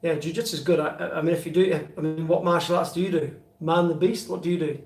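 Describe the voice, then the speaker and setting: A man's voice: on the high side, fairly even intonation, quick pace, a little mellow, faint music behind. A man in his fifties with a New Zealand accent, chatting casually on a live stream and answering viewers' questions in a loose, rambling way, full of fillers and restarts. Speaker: beer vlogger answering live chat. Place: bedroom, indoors. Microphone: phone on a stand at arm's length. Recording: echoey room, phone mic from a distance.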